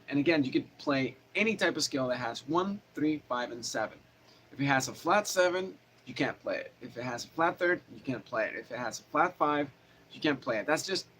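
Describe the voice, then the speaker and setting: A man talks through guitar theory in a loose, rambling way, often stopping to correct himself. His voice sits at an ordinary middle pitch. A faint noise hangs behind the recording. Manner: rambling, self-correcting, chatty. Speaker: guitar teacher. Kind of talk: casual live-stream guitar lesson. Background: guitar playing.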